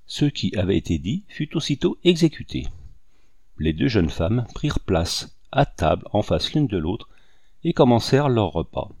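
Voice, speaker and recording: A man narrating a classic novel as an audiobook, measured and even. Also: fairly low pitch, breathy edge, no echo.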